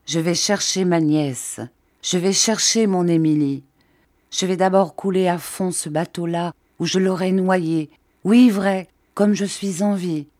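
A grief-stricken fisherman uncle insists on leaving to find his niece, voiced by a woman. The tone stays low and mellow, close to the reader's own. The recording is dry. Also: measured pace, no echo. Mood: distraught. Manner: impatient, insistent.

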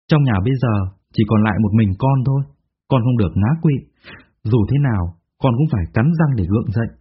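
A man voicing a middle-aged male relative who speaks gently and sorrowfully. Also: mid-range voice, slightly rough. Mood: consoling. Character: older male uncle, calm and consoling. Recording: tinny phone-like sound.

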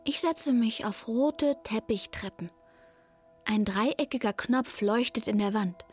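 A woman with a slightly high, husky, somewhat mellow voice speaks slowly, playing a young girl in a radio drama. In first-person present tense, she narrates the girl's lonely hotel stay in plain, short, childlike sentences with a matter-of-fact mood, as faint music plays behind her.

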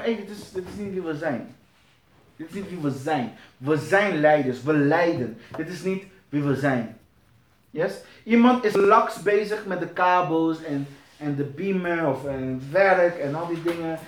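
A man teaching church leaders, animated, repeating phrases and searching for words. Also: a little high, echoey room. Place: church hall.

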